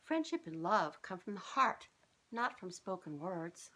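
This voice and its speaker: A middle-aged woman reads a children's storybook aloud in a small, furnished living room. Her lowish voice has a sing-song lilt and a fairly bright tone, and she takes her time. She reads expressively and speaks straight to her young listeners.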